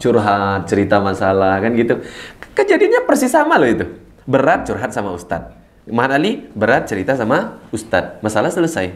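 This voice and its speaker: A man speaking as a guest preacher, telling his story in an animated way, swinging between low murmurs and excited high bursts and laughing as he goes. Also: brisk. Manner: laughs while telling stories. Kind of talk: storytelling interview talk.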